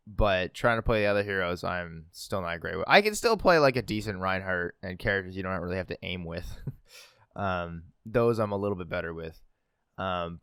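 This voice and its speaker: A man co-hosts a podcast in loose, casual chat. His voice sits low and smooth, close and dry with no room around it. He rambles, fills gaps with ums and laughs at his own shortcomings. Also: fairly bright tone, dry recording. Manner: rambling, filler-heavy, laughs at himself. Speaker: podcast co-host.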